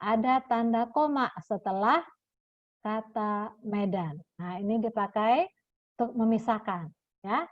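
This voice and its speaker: A woman's voice: a little high, measured pace, long pauses, dry recording, highs cut off. A woman teaching her primary school class in a recorded online lesson, explaining patiently and often adding a checking "ya" to the ends of phrases. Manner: patient, explanatory, calls pupils "anak ibu", ends phrases with "ya".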